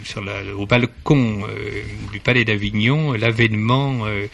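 A man's voice: lowish voice, fairly even intonation, a little slow, creaky, fairly bright tone, a little hiss or hum. A man speaking as a literary critic guest in a radio studio discussion, formal and hesitant, with many fillers and restarts. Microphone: studio microphone.

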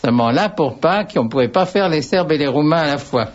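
A man's voice: on the high side, expressive, a little fast. Older man telling wry, rambling anecdotes. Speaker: guest. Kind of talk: radio conversation. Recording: dull radio sound.

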